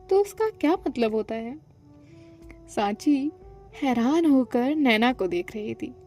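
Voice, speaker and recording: A woman narrating a romantic audio story, reading the characters' lines in her own voice. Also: a little high. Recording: soft music behind the voice.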